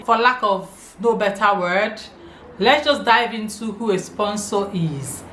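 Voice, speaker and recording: A woman's voice: medium pitch, fairly bright tone. A woman with a Nigerian accent hosting an informal explainer video, speaking emphatically and repeating key phrases. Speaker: video channel host. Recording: echoey room, faint background noise.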